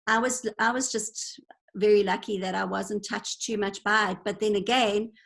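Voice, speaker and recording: Steady in tone and fairly bright, her mid-range voice is gravelly and paced normally. She's a woman in her forties from Zimbabwe, appearing as an interview guest on an online call, telling stories earnestly and reflectively in casual conversation.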